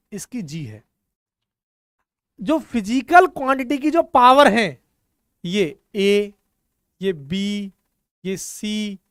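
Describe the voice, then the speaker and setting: With a high-pitched, fairly bright tone, a man gives a physics lecture at the board in Hindi mixed with English terms. He regularly asks if the class follows, repeating questions and answering them on his own. The sound is clean studio audio without room sound.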